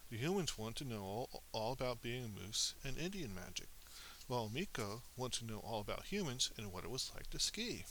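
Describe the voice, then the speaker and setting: Animated male storyteller reading aloud. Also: mid-range voice, a little fast, a little hiss or hum, low-quality recording. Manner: animated, expressive reading with small slips. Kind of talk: storybook narration.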